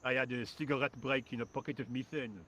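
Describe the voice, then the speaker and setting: A man's voice: medium pitch, steady tone, fast, sharp tone, a little hiss or hum, lightly acted. A man voicing a lazy, sarcastic French workman in a video game, with a French accent and a dry, indifferent drawl.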